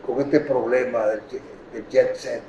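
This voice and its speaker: A man with a Dominican Spanish accent giving an emotional public talk to journalists, telling stories in quick, impassioned bursts. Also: mid-range voice, steady tone, gravelly, dark tone, a little hiss or hum. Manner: impassioned, storytelling, rapid bursts. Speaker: speaker addressing journalists. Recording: echoey room from far off, dull sound.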